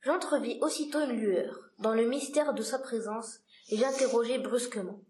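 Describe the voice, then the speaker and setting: Woman reading a storybook aloud calmly. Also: on the high side, normal speed, slight background noise. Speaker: reader. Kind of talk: storybook narration read aloud.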